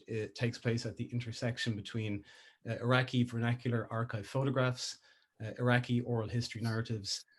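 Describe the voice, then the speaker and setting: A man from Ireland presenting his doctoral research over a video call, pausing often with filler sounds. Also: medium pitch. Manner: hesitant, many filler sounds. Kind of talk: academic conference presentation.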